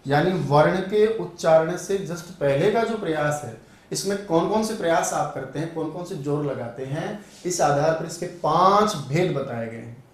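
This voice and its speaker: Man, Sanskrit teacher, online exam-prep lesson, asks and answers himself, fairly high voice, very echoey room. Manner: repeats key terms, asks and answers his own questions.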